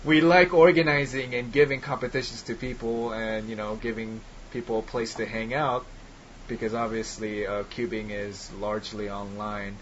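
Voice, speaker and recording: A man's voice: lowish voice, level tone, normal speed, slight background noise. A man hosting a casual group chat over an online call, talking loosely with plenty of filler words. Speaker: podcast host. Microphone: computer mic on a voice call. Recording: dull lo-fi online call audio.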